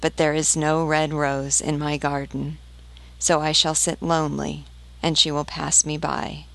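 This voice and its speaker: A woman reading the part of a lovesick young male student from a storybook, in a slow, wistful way. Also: low-pitched, little pitch movement, creaky, a bit bright, exaggerated voice. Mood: longing.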